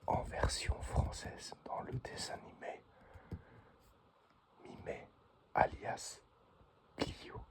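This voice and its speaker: A man presenting an unboxing in breathy, whispered ASMR, close as if right in your ear, in short halting phrases. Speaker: unboxing video host.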